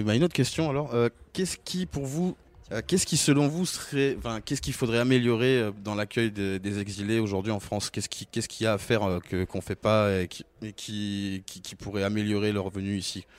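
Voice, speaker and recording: A man with a fairly deep voice moderates a live roundtable discussion. He asks his questions haltingly, restarting them several times. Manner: hesitant questions with many restarts.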